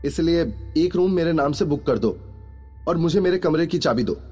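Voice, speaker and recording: Guy doing a sharp bossy young woman, haughty guest in a story, pushed way up high, faint music under. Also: lively intonation, moderate pace, husky, big-room sound. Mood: indignant.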